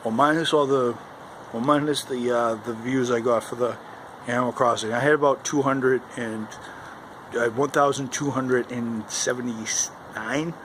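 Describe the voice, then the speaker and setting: Male vlogger, mid-pitched, rambling casual talk, recorded outside with clear wind noise over a handheld camera. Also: steady tone, unhurried, rough recording. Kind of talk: casual vlog chat to camera. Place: outdoors in the cold wind. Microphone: handheld camera at arm's length. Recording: windy outdoor recording, loud wind noise. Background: howling wind noise.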